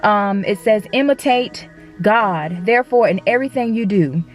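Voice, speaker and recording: A woman's voice: mid-range voice, animated, moderate pace, soft background music. Woman sharing a casual faith story. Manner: conversational, many restarts and fillers. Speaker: actress and faith vlogger. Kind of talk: casual personal testimony.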